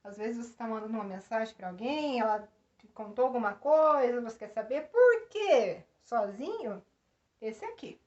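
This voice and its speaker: A woman teacher explaining grammar slowly, checking in with her class after each point. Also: a little high, animated, a little mellow. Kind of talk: grammar lesson. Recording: echoey room, dull lo-fi sound.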